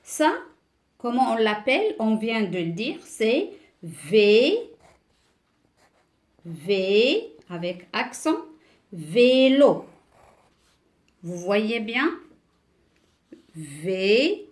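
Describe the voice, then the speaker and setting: A woman teaching a beginner French class, speaking slowly and patiently, spelling out letters and syllables and checking understanding with questions. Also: on the high side, big pitch swings. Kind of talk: beginner French lesson at a board.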